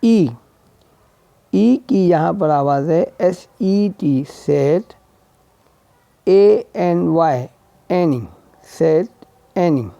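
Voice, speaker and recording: A man's voice: on the high side, lively intonation, drawn-out words, gravelly, long pauses, dark tone, no echo. A man teaching English vowel sounds, spelling each word letter by letter and repeating it. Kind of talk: slow spelled-out phonetics lesson. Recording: dull lo-fi sound.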